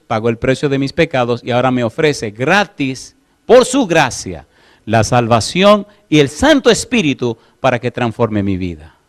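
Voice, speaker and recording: A man preaching a sermon as pastor, firing questions at his congregation and reading scripture slowly and deliberately. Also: fairly high pitch.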